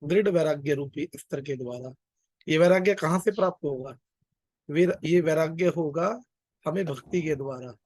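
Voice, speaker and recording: A man leads a scripture study class and guides the readers through each verse. His voice sits a little high and sounds dry and close, with no room around it. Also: normal speed, darkish tone, dry recording. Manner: guides readers, corrects recitation. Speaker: class leader.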